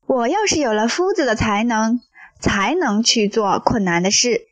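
A woman reading the lines of an eager, talkative young male disciple in an audio story, in an animated, exclaiming way. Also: fairly high pitch, moderate pace, no echo.

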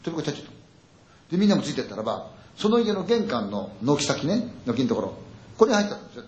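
Older male storyteller, rapid-fire, animated, acts out the voices of scared friends; roomy, muffled recording. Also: a little high. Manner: acts out friends' panicked dialogue, sound words. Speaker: ghost story teller. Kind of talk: spoken ghost story performance. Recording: echoey dull audio.

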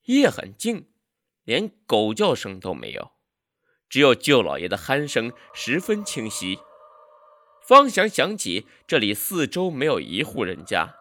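A man narrating a horror story in a dramatic, suspenseful way, swinging between hushed and loud delivery. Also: medium pitch, a little hiss or hum.

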